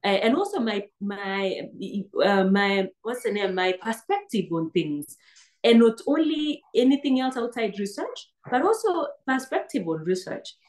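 A Kenyan-accented woman in her thirties, a PhD graduate, speaks earnestly as a guest on a video call, often restarting words. Her voice is a little high, sing-song and darkish, and she takes her time. She's seated on a sofa in an indoor room, heard through a laptop webcam.

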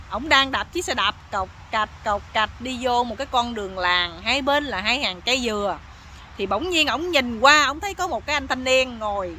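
A woman's voice: high voice, slight background noise. Laughing woman storyteller with a Southern Vietnamese accent. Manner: lively, laughing, exclaiming. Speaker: storyteller and channel host. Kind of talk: comic storytelling.

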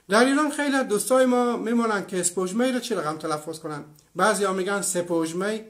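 A man in his fifties from Iran gives an online lecture. He explains at an even pace, offers many examples, and stops to answer comments from viewers. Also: high-pitched. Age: 50s. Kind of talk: online lecture with live chat.

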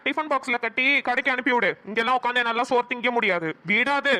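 A woman voicing a stern, grumbling middle-aged village father with a Kanyakumari Tamil accent, who scolds gruffly. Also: on the high side, fast, sharp tone. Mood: angry.

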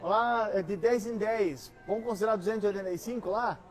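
A middle-aged man with a Brazilian accent working as an auctioneer, coaxing higher bids with repeated calls and pitching items to buyers. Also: brisk, soft background music. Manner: repetitive, coaxing bid-calling. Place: large busy antiques store hall, indoors.

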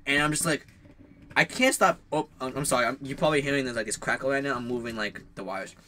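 Bright-voiced young man ranting. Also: mid-range voice, fast, a little hiss or hum. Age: young adult. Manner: animated storyteller, rants, acts out quotes. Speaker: podcast co-host. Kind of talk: casual chat.

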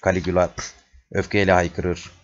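A man slowly reading a play aloud, including the stage directions, in a measured way. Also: deep voice, flat delivery, slight background noise. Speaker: reader. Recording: dull lo-fi recording.

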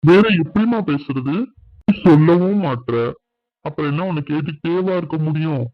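A man's voice: a little high, normal speed, no room sound, narrow, tinny audio, close to an everyday voice. A man voicing a firm fatherly father-in-law. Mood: hurt. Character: older father-in-law, kind but firm. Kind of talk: cartoon voice acting.

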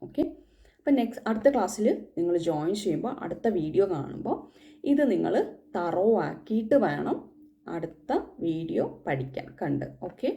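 A woman's voice: lowish voice, expressive, normal speed, gravelly, mellow. A woman from Kerala teaching the German alphabet in a casual spoken lesson, patiently repeating each letter.

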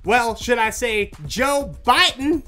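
A man's voice: very high-pitched, slow pace, sharp tone, faint music behind, heavily acted. A young man impersonating an indignant female conservative cable news pundit in a heated, theatrical political rant. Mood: outraged. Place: indoor home studio. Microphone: large desk microphone up close.

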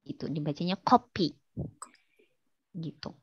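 A woman's voice: deep voice, unhurried, slightly rough, dry recording, lo-fi sound. A woman teaching an online language lesson, quizzing her students in a chatty way with many fillers.

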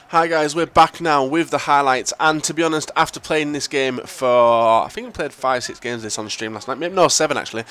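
A man's voice: medium pitch, fairly bright tone. A young man with a Northern English accent giving casual gameplay commentary, full of crude, profane jokes. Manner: crude, joking, profane banter. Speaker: gaming YouTuber.

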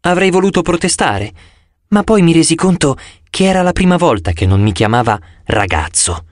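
A man reading an audiobook with animated first-person storytelling. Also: on the high side, moderate pace, dry recording, studio quality. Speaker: audiobook narrator.

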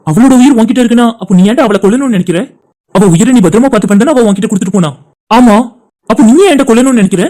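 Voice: mid-range voice, racing, dark tone, close to an everyday voice. A voice actor playing a stern, short-tempered elder brother and husband in a cartoon drama, commanding and scolding. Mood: firm.

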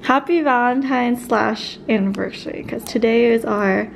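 A woman's voice: fairly high pitch, normal speed, creaky. A young woman vlogging casually to camera, chatty and playful, cooing fondly at her dog. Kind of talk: casual vlog talk to camera. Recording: noisy background hiss.

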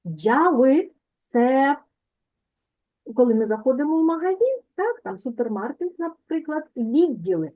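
A woman teaching a language lesson over a video call, patiently repeating words slowly to correct pronunciation. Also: sits high, big pitch swings, narrow, tinny audio.

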